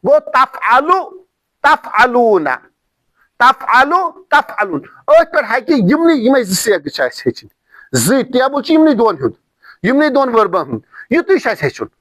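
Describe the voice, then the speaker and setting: A man's voice: extremely high pitch, wildly swooping pitch, unhurried, dry recording. A man teaching an Arabic lesson, drilling word forms over and over and stressing his examples. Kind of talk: recorded language lesson.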